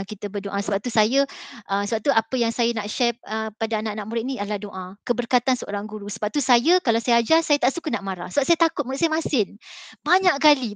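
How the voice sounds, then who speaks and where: Speaking on a school panel, this mathematics teacher, a middle-aged Malaysian woman, shares a sincere personal story as motivation. Her voice runs on the high side with a Malay accent and frequent fillers, recorded with no echo.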